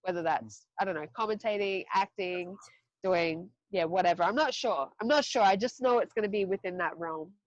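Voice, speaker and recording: An Australian woman in her thirties, appearing as a podcast guest, talks candidly and loosely, swearing and laughing in asides during a casual interview chat. Her voice sits on the low side and moves at a normal speed. The recording is dry with a lo-fi sound.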